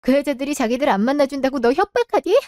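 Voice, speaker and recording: A woman acting in a radio drama, confronting in a sharp, cold way. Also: high voice, expressive, fast, no room sound, clean studio sound. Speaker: voice actor.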